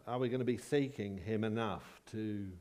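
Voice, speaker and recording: Halting, conversational male preacher. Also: fairly low pitch, warm tone. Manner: conversational, halting, self-deprecating humour. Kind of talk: sermon with personal anecdotes.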